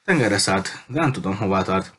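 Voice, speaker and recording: A man's voice: deep voice, lively intonation, a bit bright, slight background noise. A man voicing a frightened but defiant teenage girl in an audiobook, pleading and stubborn at once. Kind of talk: audiobook character reading.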